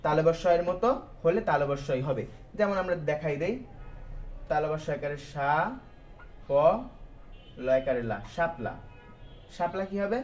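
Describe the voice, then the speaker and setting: A man's voice: on the high side, expressive, unhurried, long pauses, darkish tone, faint music behind. A male teacher giving a grammar lesson to students, explaining step by step and asking questions that he answers himself, in a colloquial style with English words mixed in.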